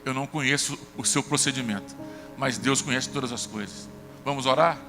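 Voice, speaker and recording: A Brazilian man preaching a sermon as pastor, telling personal stories and acting out the dialogue with lively shifts of voice. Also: fairly quick, long reverb tail, over music. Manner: conversational storytelling, acts out dialogue with shifts in pitch. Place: church sanctuary.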